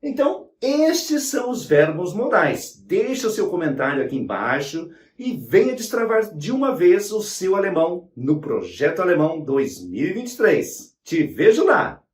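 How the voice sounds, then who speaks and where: A man teaching German in a lesson, explaining slowly and checking in with the class as he writes on a board. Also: high-pitched, sing-song. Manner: explains slowly, spelling out German forms, with frequent "né?" and "tá?". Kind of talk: whiteboard language lesson. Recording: roomy sound from a distant mic.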